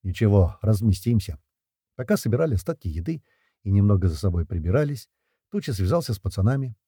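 Husky dark-voiced male storyteller. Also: on the low side, fast talker, dry recording, studio quality. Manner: lively storytelling with slangy, wry delivery. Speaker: audiobook narrator. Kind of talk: scripted first-person narration.

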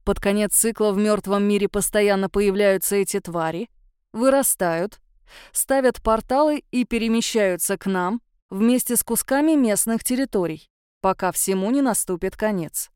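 A woman voicing a stern, skeptical young man who speaks in a cool, measured way. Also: mid-range voice, a little mellow, clear, resonant tone, dry recording, studio quality, lightly acted.

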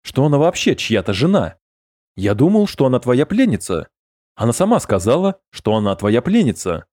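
A man's voice: mid-range voice, very animated, moderate pace, darkish tone, dry recording, clean studio sound, pitched above the performer's own voice. A man voicing a bitter, defensive male wizard who snaps back indignantly. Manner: snapping, indignant.

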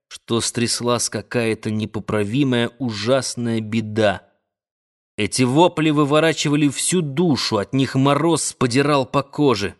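A male audiobook narrator reading a novel in a slow, deliberate, dramatic way. His voice sits in an ordinary middle register and takes its time over each phrase. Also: mid-range voice. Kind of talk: scripted literary narration.

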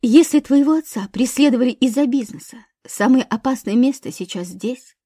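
A domineering young man, stern and commanding, with a husky, mellow tone, as a woman reader puts him on. He talks in short, firm orders that brook no refusal. The recording is close and dry, with no room around the voice. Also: high voice, normal speed, no room sound.

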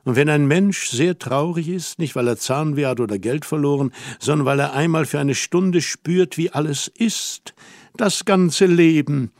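A man's voice: on the high side, darkish tone, dry recording. Man reading a playful young woman, dreamy and bossy, coaxing tone, audiobook, dry sound.

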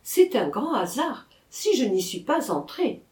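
A woman's voice: a little high, very animated, unhurried, a little mellow, voice pushed up. A woman reader voicing a timid, lovesick young abbé who speaks humbly and mournfully, in an echoey room. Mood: wistful.

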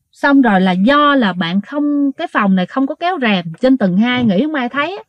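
A woman telling ghost stories to her listeners in a casual, animated way, acting out the quoted dialogue. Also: fairly high pitch, dry recording, muffled recording. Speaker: ghost story narrator.

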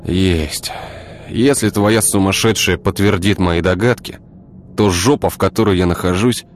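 A man's voice: deep voice, a little slow, faint music behind. A man voicing a weary, troubled man who speaks curtly and sighs. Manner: gruff, sighing, curt.

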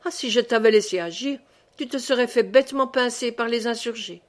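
Woman reader doing scheming older wife, excited, exclaiming, higher voice, audiobook. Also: brisk, lightly acted. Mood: triumphant.

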